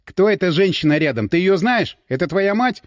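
Brief: man playing brusque cop, clipped and demanding, fairly high voice, dry read. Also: animated, normal speed, no room sound. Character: tough male police detective, pushy and urgent. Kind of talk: audiobook character voice.

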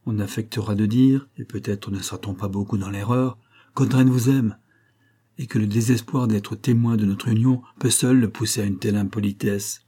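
A man's voice: on the low side, fairly even intonation, normal speed, mellow, breathy edge. A man voicing a stern, inflexible young man who speaks firmly and coldly.

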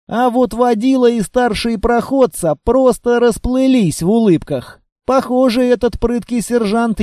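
A man reading a first-person story aloud in a steady, even scripted narration. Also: high voice, no echo, studio quality. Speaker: audiobook narrator.

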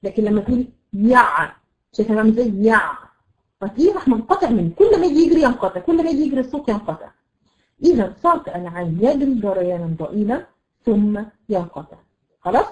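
An Egyptian woman teaching a tajweed lesson online to women students, explaining patiently and demonstrating letter sounds slowly. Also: a little high, sing-song, a little mellow, rough recording. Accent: Egyptian Arabic. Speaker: Quran recitation teacher.

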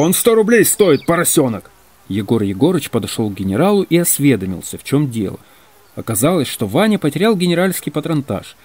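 A man reading a classic story aloud as an audiobook narrator, with an expressive, animated delivery. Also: mid-range voice.

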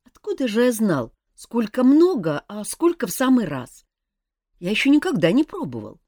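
A woman's voice: fairly high pitch, wildly swooping pitch, moderate pace, mellow, no echo, clean studio sound, voice pushed up. A woman voicing a glum, hungover young male elf prince who sighs and complains plaintively. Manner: plaintive, sighing.

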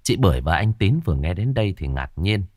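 Man narrating a ghost story with wild pitch swings. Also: fast talker. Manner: tense, expressive telling.

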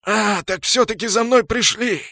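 Guy doing a jumpy orc rogue, squeaky and shouty, dry sound. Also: normal speed, vocal fry, no echo, exaggerated voice. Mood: nervous. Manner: high, loud and nervous. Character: jumpy male orc dagger fighter, evasive.

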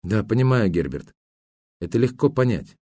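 A quietly wounded young woman who gives short, restrained answers, as a male reader voices her in a low, mellow tone. The dry, close recording keeps every word plain. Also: animated, moderate pace, dry recording. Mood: subdued. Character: young woman, quietly hurt, turning fierce.

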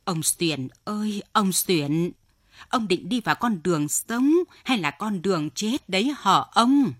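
A woman voicing an old wife who pleads slowly and coaxingly with her husband in a storybook reading. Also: medium pitch, lively intonation, dry recording, clean studio sound. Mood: tearful pleading.

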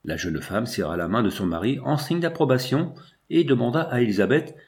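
A man reading a classic novel aloud in a measured, expressive way. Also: mid-range voice. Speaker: narrator.

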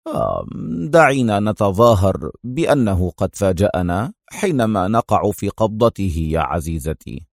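A man voicing a calm, ironic male secret agent who speaks in a low, wryly teasing tone. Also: normal speed, no echo, clean studio sound.

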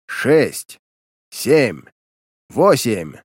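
A man's voice: mid-range voice, sing-song, a little fast, a little mellow, no room sound, studio quality. A man voicing a stern male detective who interrogates a prisoner with curt, commanding questions.

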